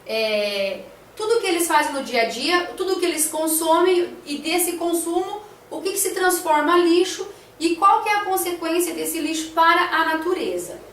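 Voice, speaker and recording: A woman's voice: very high-pitched, lively intonation, moderate pace, fairly bright tone, echoey room, distant mic, slight background noise. A woman teacher talking through a classroom lesson plan, hesitant, with many fillers and tag questions.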